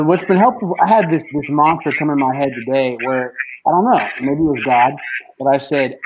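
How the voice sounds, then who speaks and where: A man's voice: medium pitch, a little mellow, low-quality recording. Earnest man reflecting on hope. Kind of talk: casual faith chat. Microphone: video call.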